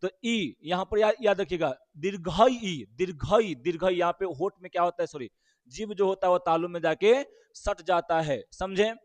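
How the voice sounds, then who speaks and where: A man's voice: high-pitched, normal speed, no echo. A male teacher, walking through exam questions and quizzing his listeners with rhetorical questions.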